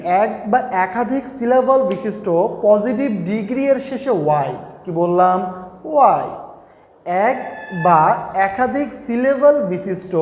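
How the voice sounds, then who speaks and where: A man's voice: sits high, a little mellow. A man teaching a grammar lesson, repeating each rule and asking the students questions. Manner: repeats points and quizzes students. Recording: echoey room with long reverb.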